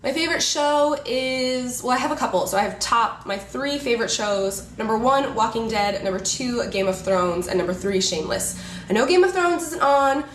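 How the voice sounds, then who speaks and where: A beauty vlogger in her twenties chats casually to camera indoors in a room in Los Angeles, joking and laughing often. Her voice is fairly high and animated, her pace moderate, and the sound roomy.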